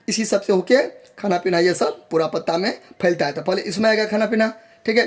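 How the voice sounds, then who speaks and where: A man teaches biology in a classroom style. He repeats each point and answers his own questions. He coaxes the students along as he shows them a real leaf. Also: high voice. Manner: calls students "babu log" in a coaxing tone.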